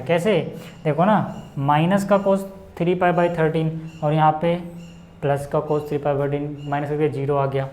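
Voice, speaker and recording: A man teaching maths in a friendly, chatty way. He often checks in with "okay", repeats each step slowly and asks his students questions along the way. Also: a little high, slight background noise. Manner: calls viewers brother in a friendly way. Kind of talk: blackboard lesson explanation.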